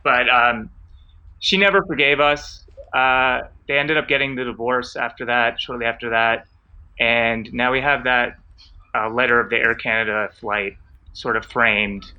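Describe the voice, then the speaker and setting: Bright-voiced man telling a rambling story. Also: mid-range voice, dull audio. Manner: loose and rambling, many fillers and asides. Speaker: storyteller at an online open mic. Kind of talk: casual storytelling. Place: home, online video call.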